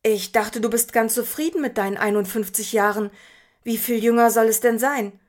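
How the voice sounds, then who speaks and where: A woman reading the lines of a gentle, patient Jesus in a soft, calm, reassuring way. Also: on the high side, moderate pace, close to an everyday voice. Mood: puzzled. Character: gentle patient grown man, calm and kind.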